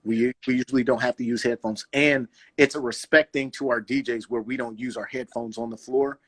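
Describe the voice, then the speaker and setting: A man talking casually as a guest roller skater, in an animated way, with loose slang and a habit of restarting phrases. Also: medium pitch, brisk. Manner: animated, loose slang, restarts often, says "you know what I'm saying". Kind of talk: casual conversation.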